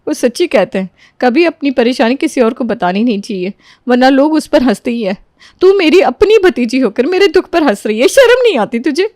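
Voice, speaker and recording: A woman's voice: fairly high pitch, lively intonation, a little fast, a little mellow, no echo, studio quality, close to an everyday voice. A woman voicing a touchy, vindictive middle-aged aunt who complains and scolds in a cartoon story. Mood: offended, angry. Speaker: Bua ji, the visiting aunt.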